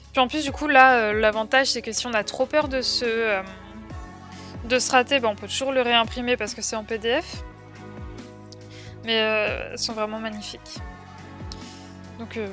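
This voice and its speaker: A woman's voice: fairly high pitch, fairly bright tone. A young woman with a French accent, chatting casually on a livestream, reading out and answering viewers' comments with many fillers. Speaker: streamer.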